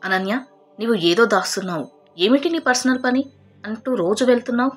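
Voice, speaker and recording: A woman's voice: medium pitch, moderate pace, slightly rough, close to an everyday voice. A woman voicing a suspicious, proud young husband in a storybook narration, pressing with indignant questions. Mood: demanding.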